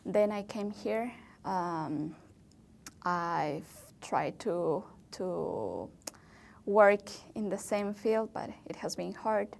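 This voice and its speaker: A young woman from Ecuador, a native Spanish speaker, answering interview questions in English slowly and hesitantly, with many fillers. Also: medium pitch, expressive, gravelly. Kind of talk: oral history interview.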